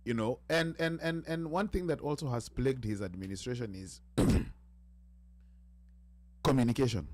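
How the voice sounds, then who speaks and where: A man's voice: mid-range voice, moderate pace, pauses often, darkish tone. A man in a casual panel discussion, explaining at length and restarting often as he searches for words.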